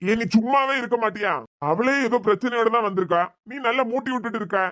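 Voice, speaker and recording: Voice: mid-range voice, fast, fairly bright tone, dry recording, lightly acted. A voice actor playing an older father-in-law in a cartoon, patiently asking what is wrong. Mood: puzzled. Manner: patient, questioning.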